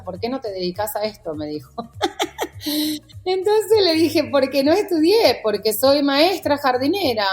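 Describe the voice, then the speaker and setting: Slightly high-voiced, this middle-aged woman from Rio de Janeiro, Brazil, talks in Buenos Aires porteño Spanish. A wedding photographer and podcast guest, she recounts personal stories in an informal interview, performing the quoted conversations with plenty of animation.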